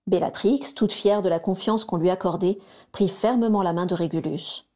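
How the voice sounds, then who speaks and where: A woman narrating a children's story aloud in a smooth, even storytelling manner. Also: on the low side, moderate pace. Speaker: reader.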